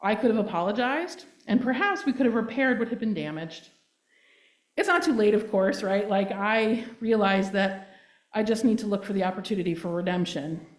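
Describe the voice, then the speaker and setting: A woman's voice: mid-range voice, lively intonation, moderate pace. A woman giving a sermon as a guest minister, earnest and emphatic, checking in with the congregation as she speaks. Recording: roomy echo.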